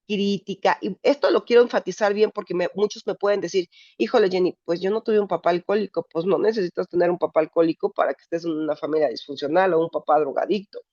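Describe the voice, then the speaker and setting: A woman's voice: fairly low pitch, a little mellow, no room sound. Frank woman psychologist. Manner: candid, emphatic, frank language. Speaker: psychologist speaking at a support group. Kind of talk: personal testimony talk. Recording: dull dry lo-fi recording.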